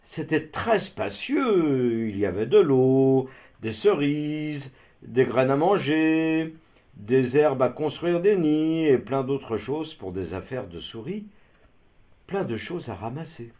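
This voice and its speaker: A man narrating a children's animal tale in an expressive storytelling style. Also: medium pitch, slow pace.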